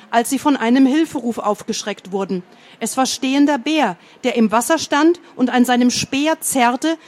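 Woman reading a storybook aloud. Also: a little high. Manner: calm, steady narration with small slips. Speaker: narrator.

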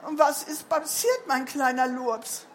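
A woman reading aloud, voicing a caring storybook mother who speaks softly and anxiously to her child. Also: high-pitched, animated, slow pace, slight background noise. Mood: worried. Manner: soft and tender, worried.

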